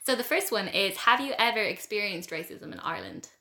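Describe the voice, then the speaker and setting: Bright-voiced young woman hosting a podcast. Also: mid-range voice, very animated, fairly quick, gravelly. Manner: chatty, many ums and likes. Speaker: podcast host. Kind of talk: casual interview chat. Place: student radio studio.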